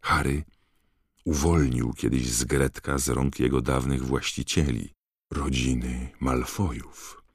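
A man narrating an audiobook in a measured, expressive storytelling manner. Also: extremely low pitch, creaky, slightly rough, no echo, studio quality.

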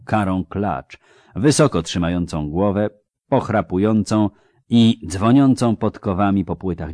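A man narrating a fantasy novel in a measured, dramatic storytelling manner. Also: lowish voice, darkish tone, no room sound, studio quality. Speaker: audiobook narrator.

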